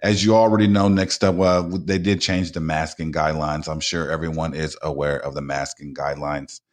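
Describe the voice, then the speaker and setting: A man's voice: a bass voice, flat delivery, fairly quick. A man hosting a casual talk radio show, blunt and informal, rambling with frequent restarts and repeated words.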